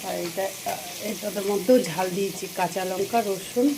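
A woman's voice: mid-range voice, normal speed, background noise. A woman vlogging casually to her viewers while cooking at home, a little unwell with a cold. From Bengal. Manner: chatty, talks to viewers while cooking and walking. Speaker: family vlogger.

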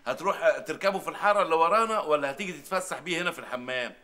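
An actor playing an exasperated, bossy bazaar owner with an Egyptian accent, scolding in rapid sitcom banter. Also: male voice, fairly high pitch, background noise, natural voice. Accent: Egyptian Arabic. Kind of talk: sitcom acting.

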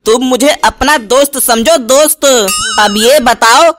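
A woman voicing a gentle, motherly cartoon water fairy. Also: sits high, over music. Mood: soothing. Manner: slow, soothing and reassuring. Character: kindly female water fairy, motherly and helpful. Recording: noisy recording.

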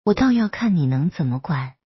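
A woman's voice: low voice, lively intonation, fairly quick, breathy edge, no room sound, highs cut off, full character voice. A woman voicing a cold, defiant middle-aged mother in a storybook reading, speaking in a mocking tone.

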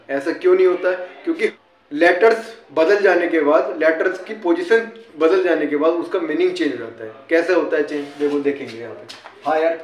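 Indian man teaching in an echoey room. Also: fairly high pitch. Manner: repeats questions and answers them himself. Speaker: English teacher. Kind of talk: casual classroom-style explanation.

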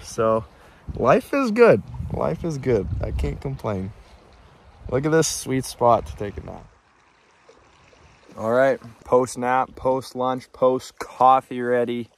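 A man's voice: mid-range voice, slight background noise. A young man in his twenties talking casually and cheerfully to camera while fishing from a canoe on a lake, laughing often and exclaiming when fish bite. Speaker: angler vlogger. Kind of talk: casual outdoor vlog narration. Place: canoe on an open lake outdoors.

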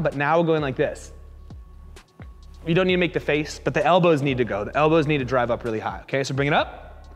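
A man coaching a fitness class, encouraging and joking as he calls out quick repeated cues. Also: on the high side. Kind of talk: live coaching class instruction. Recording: echoey hall reverb.

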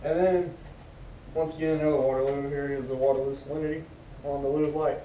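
Brisk and mellow with a steady tone, another young American co-host of fishing gear reviews talks casually in a home living room. His voice comes through a camera placed a few metres off, giving distant, roomy sound over a rumbling background.

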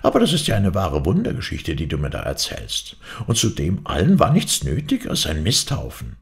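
A man's voice: low-pitched, huge pitch swings, normal speed, gravelly, voice pushed down, full character voice. A man voicing a curious, astonished woman who questions her friend in a fairy tale reading. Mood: marvelling. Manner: wondering questions.

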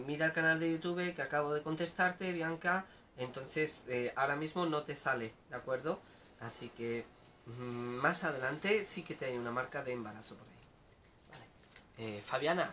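A man's voice: mid-range voice, pushed and bright, a little hiss or hum. A man giving a casual live tarot reading, chatty and repetitive, calling out viewers by name. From Spain. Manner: chatty, repeats words, greets viewers by name. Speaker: tarot reader on a live stream.

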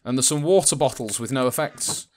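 A man's voice: medium pitch, brisk, darkish tone, a little hiss or hum. A British man co-hosting a casual let's-play, rambling and joking, laughing often and swearing casually. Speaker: gaming channel co-host.

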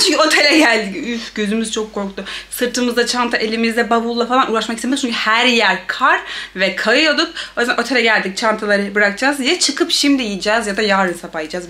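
A young woman chatting playfully to a handheld camera for her travel vlog, laughing often and breaking into lively exclamations. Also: on the high side. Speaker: travel vlogger. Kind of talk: casual travel vlog chat.

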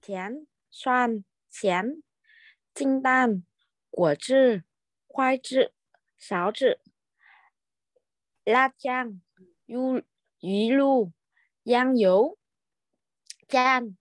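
A woman student reading a Chinese vocabulary list aloud in a slow, halting way. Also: fairly high pitch, no echo.

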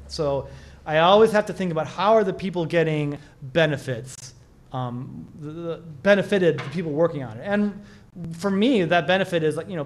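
Recorded in a small room, a man gives a casual conference talk and answers questions. His voice is on the high side, and he rambles with many restarts and fillers.

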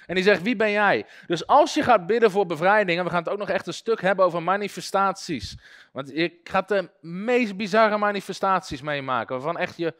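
Brief: male Bible teacher, fairly high voice, animated storyteller who chuckles a lot, in front of a class. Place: classroom with a live audience.

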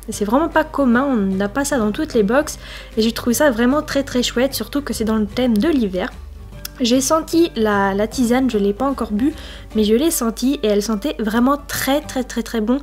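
A woman's voice: a little high, normal speed. Chatty young woman reviewing a box. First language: French. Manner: chatty, enthusiastic, reads product blurbs aloud. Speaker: equestrian vlogger. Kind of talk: casual unboxing review vlog. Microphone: lapel mic. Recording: faint music behind the voice. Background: faint background music.

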